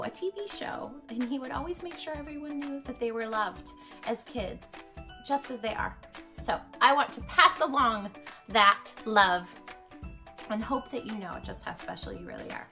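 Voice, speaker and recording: Reading aloud to young children, a woman speaks with warmth and expression, using emphatic storyteller phrasing aimed directly at the listener. Her voice is fairly high and bright, with a forceful tone.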